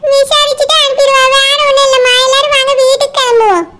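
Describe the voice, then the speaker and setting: A woman's voice: extremely high pitch, steady tone, quick pace, sharp tone. A woman voicing a caring older village aunt in a cartoon, motherly and soothing, with a Tirunelveli Tamil accent.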